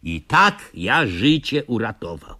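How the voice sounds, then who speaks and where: A man reading a comic first-person radio story in quirky old-fashioned grammar, with a theatrical delivery and sudden shouts. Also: medium pitch, sing-song, slow pace.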